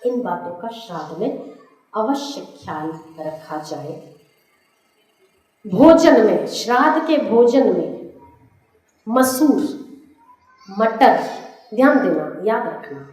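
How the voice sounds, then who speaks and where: A woman, a spiritual teacher giving a religious discourse to an audience, slow and didactic, repeating lists so listeners can write them down. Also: mid-range voice, sing-song, darkish tone. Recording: very echoey hall.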